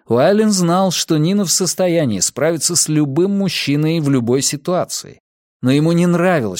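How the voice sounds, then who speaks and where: A man reading a novel aloud as an audiobook narrator in a measured, even way. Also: a little high, dry recording, studio quality. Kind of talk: scripted narration.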